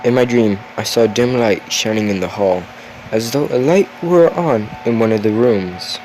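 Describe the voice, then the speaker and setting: A man's voice: on the low side, normal speed, darkish tone, slight background noise, poor audio. A tired young man reading a spooky story aloud, yawning, with chatty asides and the odd curse. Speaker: story reader.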